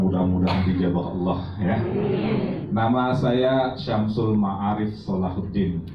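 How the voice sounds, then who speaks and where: A man from North Sumatra giving a motivational talk at a pilgrimage briefing, leading the crowd in chants. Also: lowish voice. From North Sumatra, Indonesia. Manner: rousing, drawn-out chanted greetings, leading crowd cheers. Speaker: guest speaker at umrah pilgrimage briefing. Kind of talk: motivational speech with call-and-response. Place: large echoey hall with an audience. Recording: echoey distant hall mic, lo-fi, noisy.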